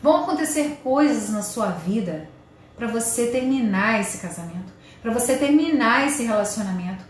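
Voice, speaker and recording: A woman's voice: fairly high pitch, animated, normal speed. Earnest woman coaching in an echoey room. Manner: earnest, coaching, addresses the viewer directly. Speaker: marriage advice host. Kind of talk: direct-to-camera advice talk. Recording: very echoey room with faint noise.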